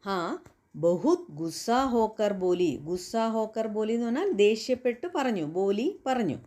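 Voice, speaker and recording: A woman whose first language is Malayalam, teaching everyday Hindi phrases and repeating each example slowly and carefully. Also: medium pitch, very animated, dark tone. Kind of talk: spoken language lesson.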